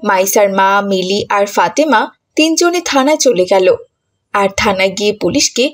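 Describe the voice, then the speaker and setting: A woman's voice: medium pitch, lively intonation, normal speed. A woman narrating a cartoon story in a scripted, emotive style. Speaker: narrator and voice of the mother.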